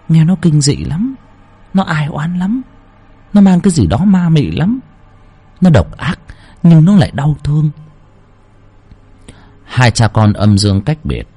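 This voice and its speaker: A man's voice: lowish voice, slightly rough. A man reading a scripted horror story aloud with dramatic expression. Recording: faint background music. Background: soft music.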